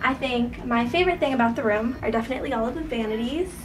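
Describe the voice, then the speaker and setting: A woman's voice: on the high side, fast, distant mic, noisy background. A young woman showing her bedroom to camera in a chatty, casual way. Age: young adult. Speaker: student showing her room.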